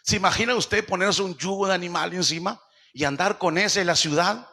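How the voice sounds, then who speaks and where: A man's voice: sits high, a little fast, bright, forceful tone, husky. A man pastor preaching a sermon, firing rhetorical questions at the congregation and acting out quoted speech. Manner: acts out quoted speech in shifting voices. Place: church service.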